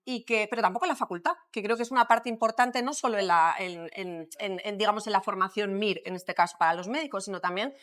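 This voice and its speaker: A middle-aged woman from Madrid with a Spanish accent, a plastic surgeon talking as a podcast guest, thinking aloud with many pauses and fillers. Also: medium pitch, fairly bright tone. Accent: Spanish from Spain. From Madrid, Spain. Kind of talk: podcast interview.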